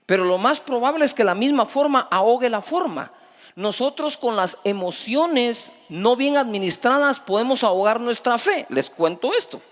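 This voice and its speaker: High-voiced preacher in a reverberant hall. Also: male voice, moderate pace. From Guatemala. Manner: lively preaching, rhetorical questions, shifts between loud and soft. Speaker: pastor. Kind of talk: sermon. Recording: long reverb of a large hall.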